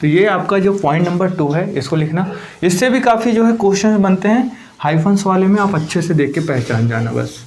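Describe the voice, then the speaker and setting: Man, grammar teacher, exam-prep lecture, slightly high voice, repeats key words, questions students step by step. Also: animated, brisk, darkish tone, slight background noise.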